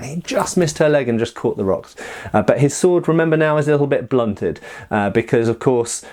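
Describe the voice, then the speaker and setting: A man with a slightly high, darkish voice hosts a conversational review as a martial arts commentator. He explains techniques with firm opinions and throws in emphatic asides.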